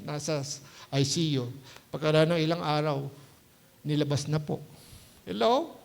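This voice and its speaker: A man's voice: a little high, a little slow, creaky. A male pastor giving a conversational sermon at a church service, mixing English words into Tagalog and often asking "Hello?" to check the congregation is following. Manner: conversational preaching with anecdotes.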